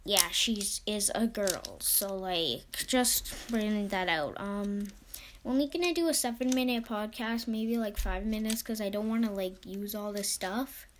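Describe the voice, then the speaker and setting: Casual fan podcaster, female-sounding, mid-pitched, slow and hesitant, unscripted, trails off mid-thought. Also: fairly bright tone, a little hiss or hum. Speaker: podcast host. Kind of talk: casual fan theory commentary.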